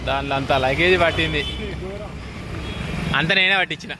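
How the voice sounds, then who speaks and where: A young man with a Telangana accent talks to his viewers in a relaxed, chatty way. His voice sits a little high. He is standing outdoors near a car, and loud street and traffic noise runs underneath him. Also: moderate pace. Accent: Telangana Telugu. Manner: chatty, addresses viewers as friends. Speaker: vlogger. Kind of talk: casual vlog narration.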